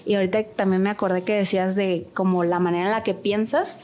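A woman's voice: medium pitch, steady tone, quick pace, a little mellow. A woman with a Mexican accent from Sinaloa, a translator and language school director, chatting in an interview and explaining things with lots of fillers. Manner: chatty, explanatory, with many fillers like este and pues. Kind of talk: casual interview chat.

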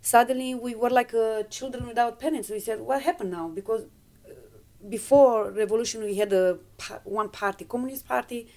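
A woman in her fifties from Romania with a Romanian accent, speaking English as a second language as a podcast guest, halting and searching for words, animated when retelling. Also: fairly high pitch. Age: 50s. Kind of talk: conversational interview.

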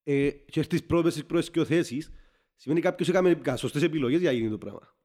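A man with a Cypriot Greek accent chatting casually about football, halting as he circles back and repeats himself. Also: a little high, mellow. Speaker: football fan podcast panelist.

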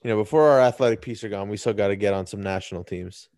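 Podcast co-host, man, low voice, measured and hedging, dry sound. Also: darkish tone, dry recording. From United States. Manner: measured and thoughtful, with hedging fillers. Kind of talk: casual chat.

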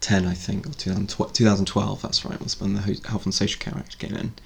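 A man's voice: fairly low pitch, level tone, quick pace, vocal fry, slightly rough. A British man co-hosting a casual podcast chat, talking with lots of ums and restarts. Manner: hesitant, full of fillers and restarts. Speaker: podcast co-host.

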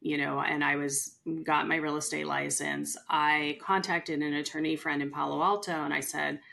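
A woman's voice: deep voice, normal speed, vocal fry. A middle-aged woman, a real estate agent, talking casually in a podcast conversation and acting out the people she quotes. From California. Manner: chatty, animated storyteller who acts out quotes.

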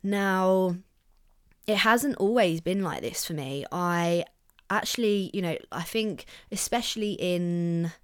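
A young woman hosts her solo podcast in a slightly low, husky voice made croaky by illness, though beneath the rasp her tone remains resonant and smooth. She takes it slowly, chatting in a loose, upbeat way peppered with casual swearing.

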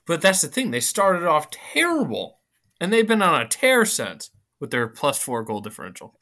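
A man with a bright, forceful voice and very animated pitch, slurring slightly as if his mouth is numb. He co-hosts a sports podcast in loose, excitable banter and likes to tease. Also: moderate pace.

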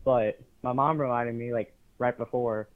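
A young man speaks over a tinny phone line, his mid-low voice halting with ums and uhs. He sounds nervous and unsure as he tells a story. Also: fairly even intonation. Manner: hesitant, many ums, nervous laughs. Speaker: caller. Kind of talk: telling a story on a call.

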